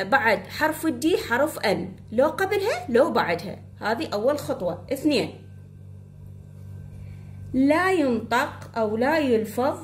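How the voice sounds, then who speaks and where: A woman with an Iraqi Arabic accent teaching English letters to pupils, speaking slowly and repeating herself while she writes. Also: fairly high pitch. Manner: slow, repeating, addresses pupils directly. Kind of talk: spoken blackboard lesson. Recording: echoey room with faint hum.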